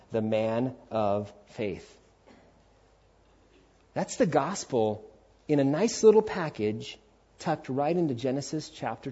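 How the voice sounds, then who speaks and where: Highs are cut off in this recording of a man in his forties preaching with a mellow, mid-range voice. He keeps things informal and emphatic, tossing in rhetorical questions, acted-out quotes and conversational asides.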